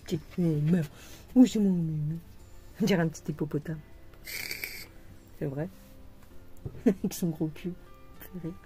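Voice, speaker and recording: A French woman vlogging her bead embroidery, singing along softly and chatting in asides. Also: low voice, unhurried, long pauses, soft background music. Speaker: craft vlogger. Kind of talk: casual chat while bead embroidering.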